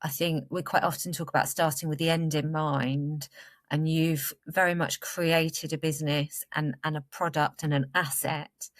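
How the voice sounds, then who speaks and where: A woman hosting a podcast in a very low voice, with a smile you can hear as she praises her guest and asks her next question. The sound is dry and close. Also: flat delivery, normal speed, no room sound. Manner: smiling, enthusiastic. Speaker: podcast host. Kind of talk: interview host.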